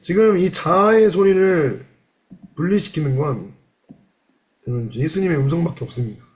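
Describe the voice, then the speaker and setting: A man's voice: fairly high pitch, normal speed. A male pastor preaching a sermon, reading passages aloud and explaining them with rhetorical questions in a church. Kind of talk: sermon on a devotional classic.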